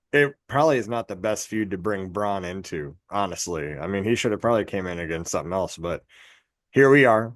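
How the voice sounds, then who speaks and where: A man's voice: on the low side, no echo, studio quality. A man co-hosting a podcast in a casual chat, rambling, swearing and laughing at his own jokes. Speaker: podcast co-host.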